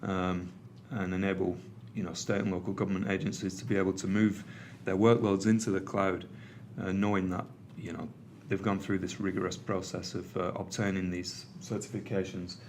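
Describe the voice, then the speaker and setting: Deep-voiced and with little pitch movement, a middle-aged Manchester man from England presents technical content conversationally at a conference in a meeting room, saying um and uh often. He talks at normal speed with few pauses, and there is slight background noise.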